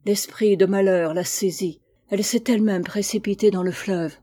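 A woman voicing a stern, grieving old male chief in a storybook reading, speaking gravely. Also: mid-range voice, fairly even intonation, normal speed, warm tone, close to an everyday voice. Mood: solemn. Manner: solemn, grave speech.

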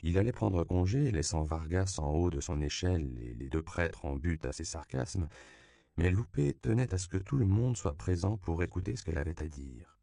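Deep creaky man narrating. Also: animated, normal speed, dark tone, no echo. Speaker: audiobook narrator. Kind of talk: scripted narration.

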